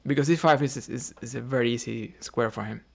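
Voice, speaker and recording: This medium-pitched, creaky male voice moves a little fast over a faint hiss or hum. He's a chess streamer from Cuba giving live commentary as he plays, reasoning aloud, saying "right?" a lot and talking with his viewers between moves.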